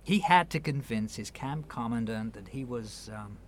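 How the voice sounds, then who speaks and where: A man's natural, mid-range voice is expressive at a moderate pace, with slight background noise. In naturalistic radio play acting, he voices an earnest, patient man gently persuading a younger relative, explaining hesitantly with small stammers.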